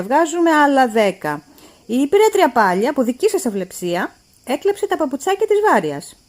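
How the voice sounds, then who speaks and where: A woman voicing a stingy, mocking middle-aged male employer who talks in a loud, pointed, lecturing way. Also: fairly high pitch.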